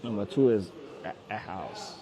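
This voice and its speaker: With crowd noise around him, a thirty-something forex trader speaks at normal speed in a voice on the low side. His casual motivational livestream is repetitive and coaxing, addressed right to the viewers.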